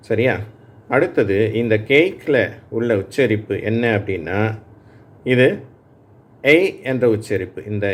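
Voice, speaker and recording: A man from Tamil Nadu, India, teaches English phonics to adult learners in a lowish voice. He reads each word slowly and patiently, pausing so listeners can repeat after him.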